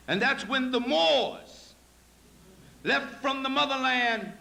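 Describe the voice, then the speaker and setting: Preacherly lecturer with a high bright voice. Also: male voice, gravelly. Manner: preacherly, swings from low asides to raised emphatic points; folksy, addresses audience as y'all. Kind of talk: live public lecture. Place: hall with live audience. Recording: echoey hall recording with faint noise.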